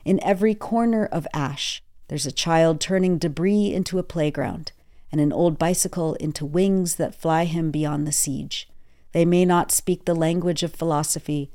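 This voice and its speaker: A woman hosting a newscast, reading quoted accounts in a measured, earnest way. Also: low-pitched, darkish tone. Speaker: news host. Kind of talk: scripted news narration.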